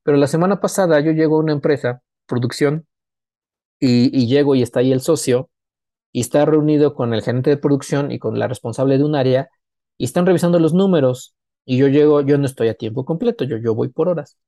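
Animated consultant, mellow dry voice. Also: male voice, mid-range voice, brisk, no echo. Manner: animated storyteller, acts out quoted dialogue. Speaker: business consultant, podcast guest. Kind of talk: casual podcast conversation.

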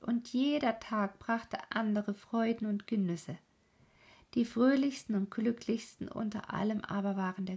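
A woman hosting a sleep podcast, reading a fairy tale aloud in a soft, soothing whisper. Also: mid-range voice, breathy edge. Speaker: sleep podcast host and narrator. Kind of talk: whispered bedtime story reading.

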